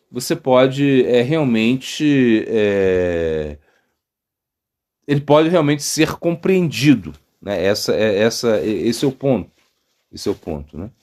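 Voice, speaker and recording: Halting Brazilian monk, lively pitch. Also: male voice. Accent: Brazilian Portuguese. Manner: halting, many fillers and tag questions. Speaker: monk teaching a devotional lecture. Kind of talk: informal devotional talk.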